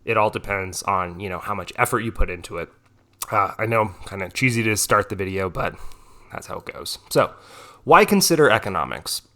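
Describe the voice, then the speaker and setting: This young male economics tutor has a cold, so his lowish voice comes out a little nasal. He talks a bit fast with a sharp, expressive tone, explaining a topic casually and often tacking "right?" onto his sentences.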